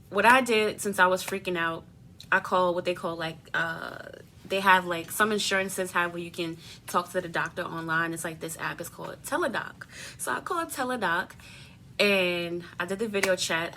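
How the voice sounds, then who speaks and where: A young adult woman telling a personal story in a casual, animated way, swearing freely and using lots of fillers. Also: on the low side, a little hiss or hum. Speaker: beauty vlogger.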